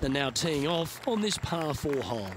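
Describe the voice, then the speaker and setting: A man's voice: fairly high pitch, animated, moderate pace, over music. A man working as a golf commentator, giving play-by-play of the round.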